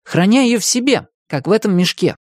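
A woman's voice: mid-range voice, lively intonation, dry recording, studio quality, voice pushed up, natural voice. Woman voicing a hot-tempered young boy. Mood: eager. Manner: raised, quick-tempered and demanding.

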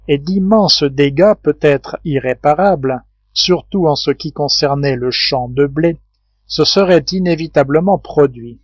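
A man reading a classic adventure novel aloud in a measured, steady narration. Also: on the high side, no room sound, lo-fi sound. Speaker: audiobook reader. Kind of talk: scripted narration.

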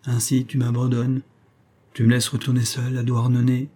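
A man reading aloud, playing a bluff, good-natured church cantor who talks in loud, hearty exclamations. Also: mid-range voice, completely flat delivery, moderate pace, pitched above the performer's own voice, close to an everyday voice.

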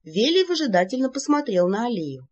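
A woman narrating an audiobook in a playful, animated manner. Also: a little high, a little fast. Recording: slightly muffled recording.

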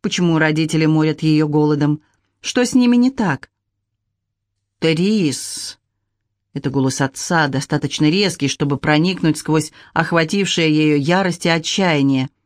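Brief: audiobook narrator, middle-pitched, steady measured reading, dry close sound. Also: dry recording.

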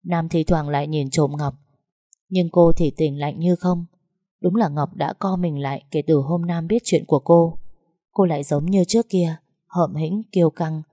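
A woman narrating a story in a calm, even storytelling manner. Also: low-pitched, moderate pace, dry recording, clean studio sound. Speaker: audiobook narrator.

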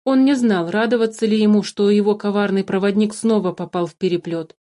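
A woman narrating a children's fairy-tale story in an expressive reading voice. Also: medium pitch, a little fast.

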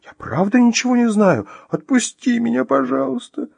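A man's voice: sits high, lively intonation, unhurried, breathy edge, no room sound, pitched above the performer's own voice, heavily acted. A man voicing a terrified young woman, an ex-wife who pleads shrilly through tears, in an audiobook. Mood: whimpering.

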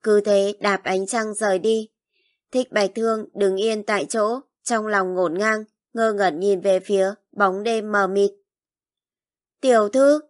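A woman narrating a literary story in an even, measured storytelling voice. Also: medium pitch. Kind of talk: audiobook narration.

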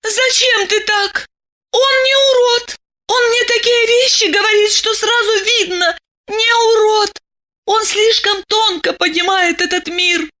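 Woman doing a lovestruck young girl, very high, bright, fervent and pleading, audiobook character. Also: steady tone, a little slow, heavily acted. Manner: fervent, pleading, tearful at times.

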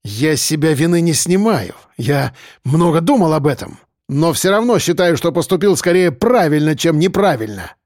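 Man doing a gruff, menacing police major. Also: on the high side, animated, moderate pace, few pauses, darkish tone, dry recording, clean studio sound, close to an everyday voice. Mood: grim. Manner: growling and contemptuous. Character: gruff middle-aged male police major, cold and menacing.

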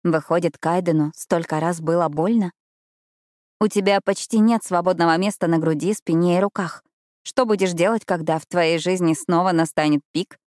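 A woman's voice: fairly low pitch, steady tone, normal speed, darkish tone, no echo, studio quality. Woman narrating a romance audiobook. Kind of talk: first-person scripted narration.

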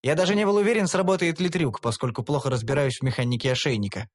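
A man narrating a humorous fantasy audiobook in the first person, with a wry, expressive delivery. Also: medium pitch, quick pace.

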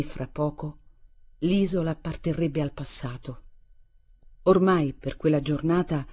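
A woman reading a literary novel aloud as an audiobook, in measured, expressive storytelling. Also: low voice, slightly rough. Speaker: audiobook reader.

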